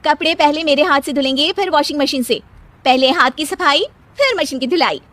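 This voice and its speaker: A boastful young housewife in a cartoon story, acted out by a woman narrator. Her voice sits high and she is sassy, bossy and quick to scold, very pleased with herself. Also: fairly bright tone, no echo. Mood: proud, insistent. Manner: sassy, scolding, self-satisfied.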